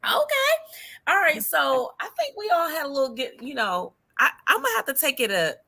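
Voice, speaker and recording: Bright, animated woman moderating a panel. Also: high voice, fairly quick. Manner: lively and chatty, laughs easily. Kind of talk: casual panel discussion.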